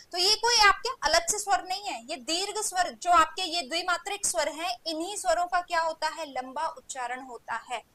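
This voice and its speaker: Young woman teacher, high bright voice, keeps asking and answering her own questions in an online class. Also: poor audio. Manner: asks rhetorical questions and answers them, repeating "ठीक है" often. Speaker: Hindi teacher. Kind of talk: online coaching class lecture.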